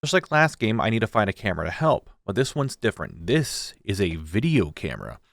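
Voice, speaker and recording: A man's voice: lowish voice, huge pitch swings, a little fast, vocal fry, no echo. A young man giving a casual, joking scripted recap of his video game playthrough. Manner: informal, joking, occasional swearing. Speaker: gaming video creator.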